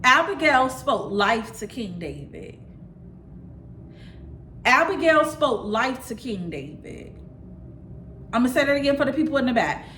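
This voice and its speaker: A woman's voice: high voice, sing-song, a little slow, pauses often, fairly bright tone, a little hiss or hum. A woman preaching an informal sermon straight to her listeners. She speaks emphatically, repeats her key lines and drops in casual asides.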